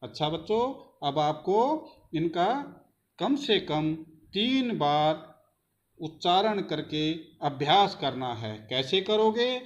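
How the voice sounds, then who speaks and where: Man, slightly high voice, phonics lesson for children, spells words letter by letter, dull lo-fi sound. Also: lively intonation, slow pace. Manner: spells words letter by letter, then says them. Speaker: teacher.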